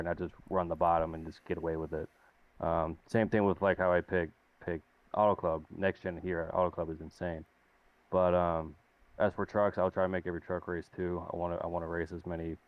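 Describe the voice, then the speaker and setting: A man's voice: sits low, lo-fi sound. A man, the race winner, talking casually with many restarts in a post-race interview.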